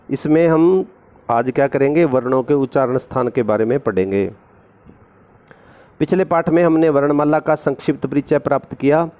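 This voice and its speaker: A man's voice: mid-range voice, warm tone. A man teaching a school lesson, reading formal lines and then explaining them simply, often checking in with his listeners. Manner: reads formal text, then explains it in simple chatty words with tag questions. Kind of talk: classroom lesson.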